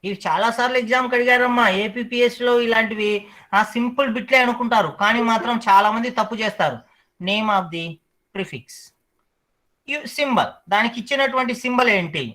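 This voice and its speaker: A male teacher giving an online class, repeating each term slowly so the students memorize it. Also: extremely high pitch, bright, forceful tone, poor audio.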